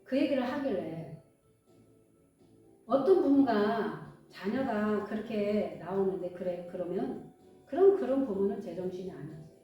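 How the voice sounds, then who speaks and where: A middle-aged woman pastor preaching in a lively, conversational way, acting out short bits of dialogue, recorded from a distance in a church hall with faint music behind her. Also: medium pitch, a little slow, dull audio. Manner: conversational, animated, acts out dialogue. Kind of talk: sermon. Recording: echoey hall, far from mic, faint music.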